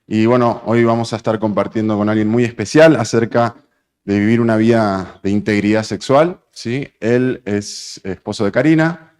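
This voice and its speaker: Clear-voiced man hosting a seminar. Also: on the low side, steady tone, moderate pace, a little mellow. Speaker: host introducing a guest speaker. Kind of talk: informal spoken introduction to an audience.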